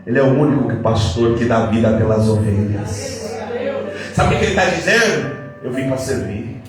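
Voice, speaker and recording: A Brazilian man preaching a sermon with lively, dramatic delivery, acting out scenes, with a sore throat, in an echoey hall from a distance with faint music. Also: moderate pace. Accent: Brazilian Portuguese. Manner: animated, acting out scenes, jumping pitch. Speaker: pastor. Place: church hall.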